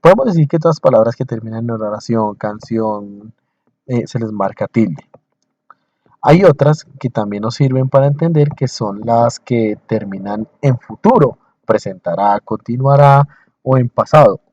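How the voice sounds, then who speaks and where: Man teaching a slow, repetitive lecture. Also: medium pitch, a little mellow, dull audio. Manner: explains slowly in short phrases, checks in with listeners; repeats phrases to stress a point. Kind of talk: recorded lecture over slides.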